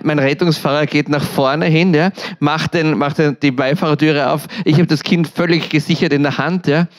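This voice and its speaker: A man with an Austrian German accent, giving a lively storytelling sermon at a church, acting out voices and laughing often. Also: on the high side. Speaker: church speaker.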